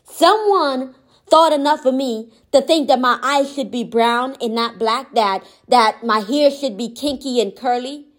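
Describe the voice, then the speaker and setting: Woman, high voice, impassioned motivational monologue, gentle but firm delivery. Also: a little slow. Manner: impassioned, repetitive emphatic phrasing.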